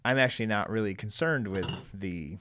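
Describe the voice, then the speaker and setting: A man's voice: on the low side, normal speed, pushed and bright, slight background noise. A man co-hosting a podcast, talking in a loose, rambling way with lots of fillers and restarts. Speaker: podcast co-host. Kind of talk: casual chat.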